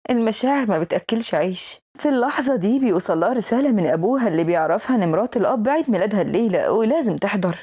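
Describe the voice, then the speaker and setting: A woman's voice: racing, hardly any pauses, breathy edge. A woman with an Egyptian Arabic accent narrating a drama recap, acting out the dialogue with shifting voices. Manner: lively, voices characters with pitch shifts. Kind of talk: storytelling recap with acted dialogue.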